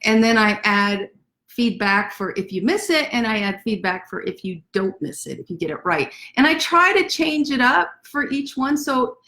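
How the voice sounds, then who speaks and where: A woman author hosting a casual livestream from her desk, chatty and self-deprecating, talking fast. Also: on the high side, animated, sharp tone. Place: at a desk indoors.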